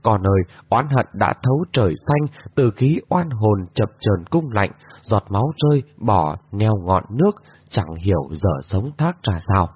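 A man's voice: on the low side, animated, measured pace, husky, no room sound. A man reading a storybook voices a middle-aged noble lady who laments her long suffering. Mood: lamenting. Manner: lamenting, mournful. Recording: dull lo-fi recording.

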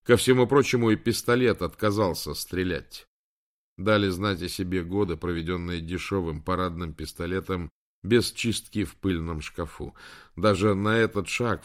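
A man narrating an audiobook in a measured, dramatic way. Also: sits low. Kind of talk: scripted narration.

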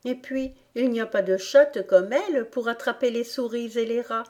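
A woman's voice: fairly high pitch, steady tone, moderate pace, darkish tone, pitched above the performer's own voice, natural voice. A woman reading an audiobook, voicing a polite, eager young girl in a raised, sweet voice. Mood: doting.

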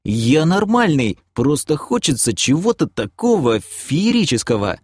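A man's voice: on the high side, sing-song, unhurried, a little mellow, slightly rough, dry recording, studio quality, pitched above the performer's own voice, exaggerated voice. A man voicing a nervous, embarrassed male healer who pleads in a flustered way. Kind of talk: audiobook character voicing.

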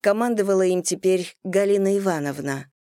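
An audiobook narrator reading a novel in steady, even scripted narration. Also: medium pitch, brisk, clean tone, no room sound, clean studio sound.

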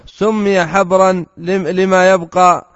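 A man reading a classical religious text aloud to a teacher in steady, formal recitation. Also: sits high, measured pace. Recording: dull recording with long hall reverb.

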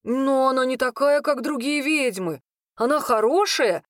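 Woman playing excitable young male friend, high-pitched and pleading, dry storybook read. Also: moderate pace, dry recording, lightly acted. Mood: eager. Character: cheerful, eager young man, friend of the hero.

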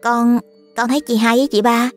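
Woman voicing a sulky little boy, high and whiny, storybook reading. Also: fairly even intonation, a little fast, soft background music, lightly acted. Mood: earnest. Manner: whiny, pleading childlike voice. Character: small boy, sulky and stubborn.

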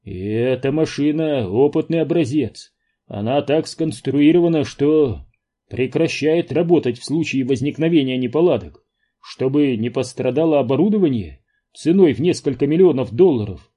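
A man voicing a weary male driver who explains things flatly and bluntly. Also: mid-range voice, normal speed, breathy edge. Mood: grim.

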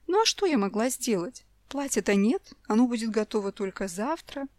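A woman voicing an exasperated, sharp-tongued young mother in a storybook reading. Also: on the high side, animated, moderate pace, no room sound, lightly acted. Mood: dismissive. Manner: indignant, raised voice.

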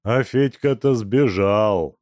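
Guy doing a cruel robber boss, loud and gruff, taunting, dry close sound. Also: lowish voice, slow, dry recording, voice pushed up. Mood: barking orders. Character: brutal, mocking male robber chief. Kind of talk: audiobook character voice.

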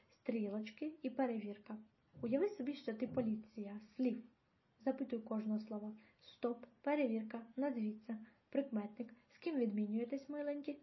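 A woman reading an older grandfather who patiently coaches his grandson through grammar, gently teasing. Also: fairly high pitch, lightly acted. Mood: encouraging. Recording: dull lo-fi audio.

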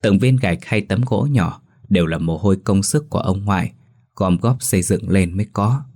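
A man voicing a gentle elderly grandmother, a grieving widow, who speaks softly and tenderly in an audio story. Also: low-pitched, normal speed.

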